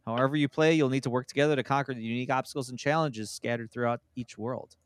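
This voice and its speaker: A man's voice: medium pitch, fairly even intonation, fast, clear, resonant tone, no echo, studio quality. A man co-hosting a casual podcast, reading game descriptions aloud and breaking off to comment on them. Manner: reads game blurbs then breaks off to comment. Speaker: podcast co-host.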